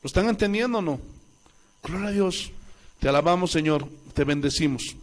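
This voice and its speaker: A man with a Bolivian Spanish accent preaching a sermon as pastor in a church, asking the congregation questions and swinging between loud calls and soft asides. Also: sits high.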